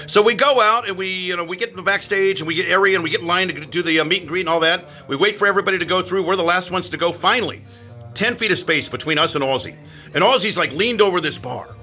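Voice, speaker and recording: A man, a radio DJ, telling an anecdote to camera in a casual, animated way. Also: high voice, fast talker, soft background music.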